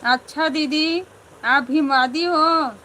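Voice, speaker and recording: High-voiced chatty woman live streaming. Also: slow pace, bright, forceful tone, slight background noise, low-quality recording. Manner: chatty, greets viewers by name. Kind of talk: casual live chat with viewers.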